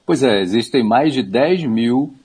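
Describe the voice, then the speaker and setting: A man of middle pitch with a husky edge speaks as a radio wine commentator. He explains patiently and informally, dropping in quick asides and the odd chuckle. He sounds close to a studio microphone. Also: expressive, a little mellow. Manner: easygoing and teaching, with small asides and laughs.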